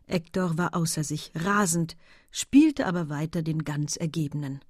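A woman narrating a literary audiobook in a soft, hushed manner. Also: sits low, normal speed, no room sound, studio quality.

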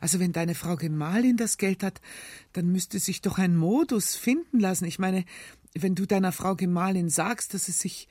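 A woman's voice: fairly low pitch, moderate pace, mellow, no echo, clean studio sound, lightly acted. A woman reading aloud as a young male officer who pleads with his uncle, hesitant and eager. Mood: pleading. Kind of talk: literary reading on radio.

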